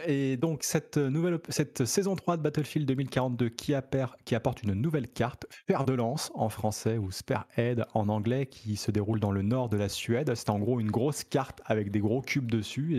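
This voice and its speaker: A man's voice: mid-range voice, a little mellow. A man hosting a casual gaming news chat, talking with many hesitant fillers and joking asides. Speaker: host of a gaming news show.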